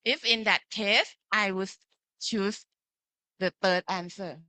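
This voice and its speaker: Teaching pharmacy in an interactive online lecture with slides, a woman from Thailand speaks with a Thai accent in simple phrases, frequently making sure students are keeping up. Her mid-range voice is slow, fairly even in intonation, and pushed and bright, captured in a dry recording.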